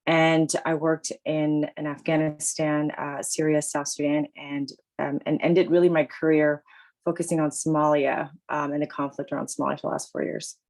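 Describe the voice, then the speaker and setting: A woman's voice: low voice, flat delivery, moderate pace, a little mellow, rough recording. A woman panelist on a video call, candid and conversational. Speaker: panelist, NGO co-founder. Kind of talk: panel discussion.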